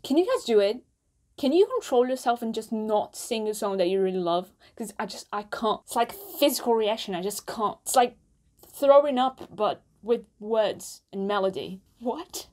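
Young woman, higher voice, playful reaction vlogger, self-mocking asides, casual commentary. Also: expressive, moderate pace, a little mellow.

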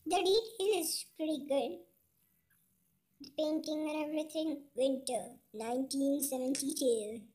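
Chipmunk voice let's-play host, super high and squeaky, slow chatty commentary. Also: darkish tone. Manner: chatty, keeps asking "okay?". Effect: chipmunk voice, sped-up high-pitched filter. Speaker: gaming channel host.

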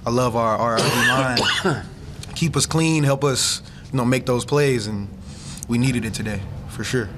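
A man's voice: mid-range voice, unhurried, background noise. A young man, a defensive football player, answering questions casually at a post-game press conference, full of "you know.". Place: press room, seated at table. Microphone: table mic.

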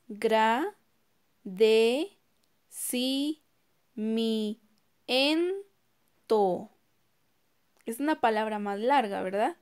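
A woman's voice: on the high side, a little mellow. A woman teacher giving a recorded class, sounding out words syllable by syllable and asking her students questions.

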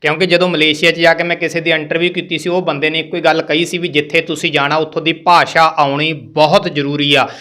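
Bright-voiced male interviewer. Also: a little high, little pitch movement, fast, hardly any pauses. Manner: probing questions with frequent soft acknowledgments. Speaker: interviewer host. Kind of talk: interview questions in casual Punjabi.

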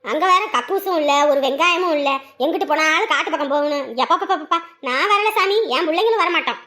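Woman doing a high, fast, sarcastic village wife, always grumbling. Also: pushed and bright. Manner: sulky, scolding, sarcastic. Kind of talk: village drama acting.

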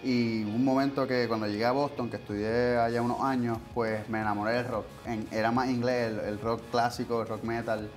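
A young Puerto Rican man speaks in a relaxed, hesitant way, full of small fillers. His voice sits at an ordinary middle pitch. Faint music plays softly behind him in a TV studio. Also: brisk, hardly any pauses. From Puerto Rico. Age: 20s. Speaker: musician guest. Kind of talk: casual interview. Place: TV studio set.

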